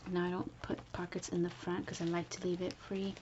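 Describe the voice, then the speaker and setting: Woman whispering softly in a dull recording. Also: on the low side, monotone, fairly quick, noisy background. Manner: soft whispering, chatty, with fillers. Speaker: crafter showing handmade planners. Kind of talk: whispered early-morning craft video. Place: home, early morning.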